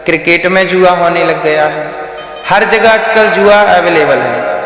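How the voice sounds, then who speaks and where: A man giving a slow religious discourse, questioning his listeners directly. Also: high-pitched, a bit bright. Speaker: preacher. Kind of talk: Hindi scripture discourse. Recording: echoey hall with faint music.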